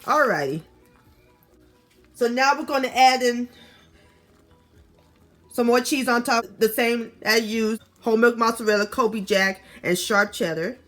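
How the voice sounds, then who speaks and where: A woman with a Southern US accent hosting a casual cooking video, expressive, with savoring exclamations and drawn-out words. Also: on the high side, faint music behind. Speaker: cooking show host. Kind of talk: casual recipe narration.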